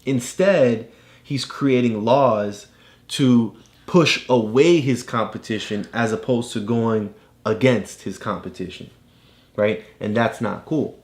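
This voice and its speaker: A slow, darkish, mid-range voice guides a child through a book. The parent tutor explains things patiently in a casual read-along, checks for understanding often, and is heard in an echoey room.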